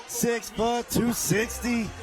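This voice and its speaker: A man's voice: very high-pitched, steady tone, slow. A man giving casual live sports commentary as a co-commentator at a fight. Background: music.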